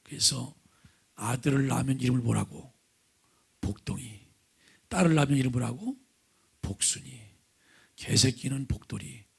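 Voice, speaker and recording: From a church pulpit, a middle-aged male pastor with a raspy, gravelly, nodule-damaged voice delivers a sermon after an opening prayer. His voice is mid-range and his pace moderate, with frequent pauses. He often drops to a breathy near-whisper and asks the congregation questions.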